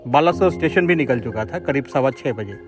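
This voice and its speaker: A man reporting the news in a measured, dramatic scripted narration. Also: medium pitch, expressive. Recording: voice-over with loud background music.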